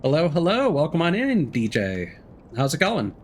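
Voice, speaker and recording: His voice sits on the high side and swoops wildly in pitch at a moderate pace as he livestreams a game. He offers casual let's-play commentary and chats with viewers in a friendly, relaxed way, with slight background noise.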